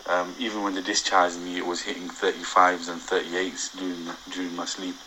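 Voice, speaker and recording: A man with a Yorkshire accent reads his own cycling advice from notes. His voice sits low with little rise and fall, yet carries a bright, forceful edge. He speaks earnestly, with plenty of ums and quick corrections. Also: level tone, a little hiss or hum, low-quality recording. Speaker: guest cyclist giving advice. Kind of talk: reading prepared tips aloud.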